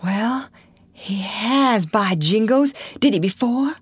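A woman's voice: medium pitch, animated, measured pace, no room sound, voice pushed up. A woman voicing a timid, woeful ragamuffin country boy in a storybook, plaintive and anxious. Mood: relieved, musing.

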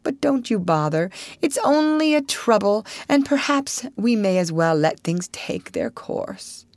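A sly, self-pitying male toad sighs and fades through each line, as a woman puts him on, rising into high plaintive swoops. The voice is dry and close, with no room around it. A storybook figure playing at being gravely ill. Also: big pitch swings, a little slow, darkish tone, no echo. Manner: feeble, sighing, melodramatic.

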